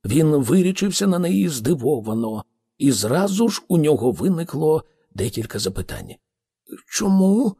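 Guy reading an audiobook, husky gravelly voice, steady storytelling, bit higher pitch. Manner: measured, storytelling. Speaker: audiobook narrator. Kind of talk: scripted narration.

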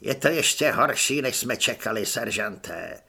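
A man voicing a gruff, bullying male army corporal in an audiobook, barking scornful orders. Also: mid-range voice, sing-song, pushed and bright, heavily acted.

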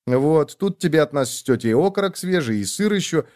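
Man doing a talkative young sister, high voice, eager and fussing, audiobook reading. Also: expressive, a little fast, darkish tone, close to an everyday voice. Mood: chatty, coaxing. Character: chatty caring young woman, little sister.

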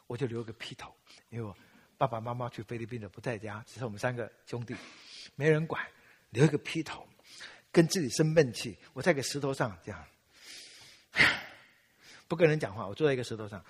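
Older man, husky voice, mid pitch, animated sermon testimony, self-mocking, long hall reverb. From Taiwan. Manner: animated storytelling, self-mocking humor, acts out his own prayers. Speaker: preacher.

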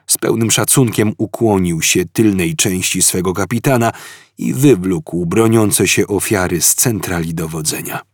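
A man narrating an audiobook in a lively, expressive reading. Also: lowish voice, breathy edge, dry recording, clean studio sound.

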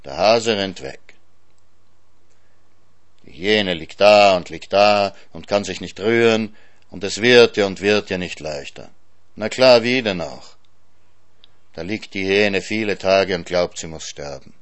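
A man narrating a novel as an audiobook, in a lively storytelling manner. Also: deep voice, measured pace, pauses often. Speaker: audiobook reader.

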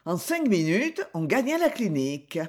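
Woman reading an audiobook, expressive, pitch goes up and down a lot. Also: moderate pace. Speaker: audiobook narrator. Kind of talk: audiobook narration.

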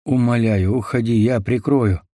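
A man voicing a gruff, terse, wounded forester fighting his way out, in a dry recording. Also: medium pitch, fairly even intonation, moderate pace, warm tone, no echo, close to an everyday voice. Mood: urgent.

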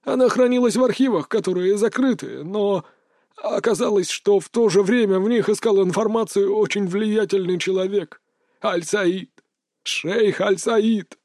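A man's voice: normal speed, darkish tone, dry recording, studio quality. A man doing sobbing old smuggler Hassan. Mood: shaken. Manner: tearful, pleading, high and strained.

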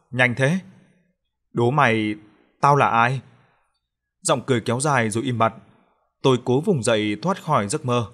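Man calmly reading a horror story. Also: mid-range voice. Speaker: audiobook narrator.

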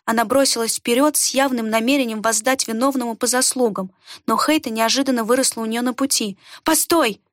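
A woman narrating a fantasy audiobook in a steady, expressive reading. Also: on the high side, a little fast, no room sound, clean studio sound.

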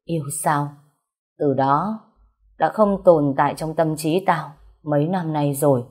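A woman's voice: sits low, measured pace, a little mellow. A woman voicing a bitter, vengeful young man who speaks coldly and grimly.

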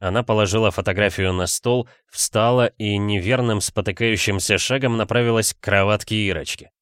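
A man reading a novel as an audiobook narrator, with a steady, even storytelling delivery. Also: on the low side, moderate pace, clean tone, dry recording, studio quality. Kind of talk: scripted narration.

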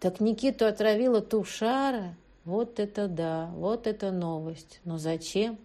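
A woman narrating a first-person audiobook in a tense, expressive way. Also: mid-range voice, measured pace.

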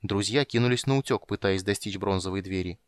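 A man narrating a fantasy audiobook with steady storytelling on a close studio mic. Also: deep voice, a little fast, no echo.

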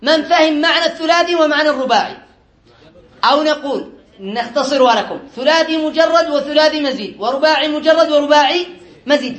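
A man's voice: extremely high pitch, fairly bright tone. A man teaching a class, going over quiz answers patiently and asking often whether everyone follows, with a light touch. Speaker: teacher of Arabic grammar. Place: classroom with a board.

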